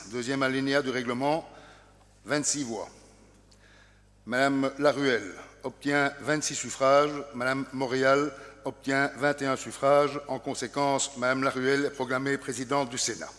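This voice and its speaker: A man's voice: medium pitch, fairly bright tone. Man chairing a session in a reverberant hall. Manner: formal, announcing, with some hesitations. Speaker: presiding officer of a parliamentary session. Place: large parliamentary chamber.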